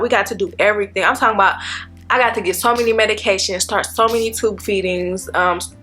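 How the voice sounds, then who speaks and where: Bright-voiced chatty woman in her twenties. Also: medium pitch. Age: 20s. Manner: chatty, rambling, addresses viewers as y'all. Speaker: vlogger, nursing student. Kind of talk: casual chat to camera.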